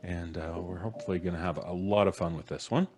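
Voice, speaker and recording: A middle-aged podcast host with a deep voice talks fast and with fairly even intonation, casually running a live stream full of jokey, theatrical introductions. He's in a small home studio on a video call, using a studio mic on a boom arm.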